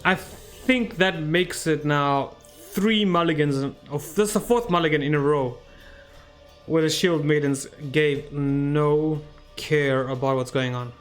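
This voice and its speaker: A man streams his card game and chats his way through each move. His voice sits a little high for a man, and he reasons aloud in a loose, excitable way. Soft game music runs quietly behind him. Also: a little slow. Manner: chatty, thinks aloud, excitable. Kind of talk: casual gameplay commentary.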